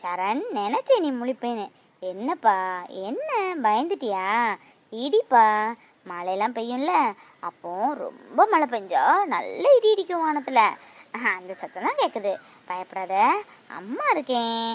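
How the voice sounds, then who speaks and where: A woman's voice: fairly high pitch, wildly swooping pitch, unhurried, pauses often. A woman voicing a young cartoon mother caring for her two sick small children, coaxing tenderly and pleading in tears. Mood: soothing. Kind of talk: cartoon voice acting.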